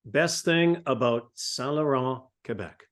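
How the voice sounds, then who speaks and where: A man hosting a podcast interview, teasing his guest and tossing out quick questions. His voice sits at an ordinary middle pitch, and his manner stays light and jokey throughout. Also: lively intonation, a bit bright. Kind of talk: casual interview chat.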